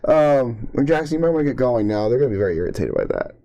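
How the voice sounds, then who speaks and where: A man's voice: mid-range voice, very animated, fast talker, mellow. A man playing a character in a tabletop role-play, laughing often and talking through his moves. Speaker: player.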